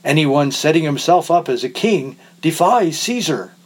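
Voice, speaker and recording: A man's voice: a little high, expressive, normal speed, husky, voice pushed up. A man reading an angry priestly crowd. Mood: insistent. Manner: raised, insistent shouting.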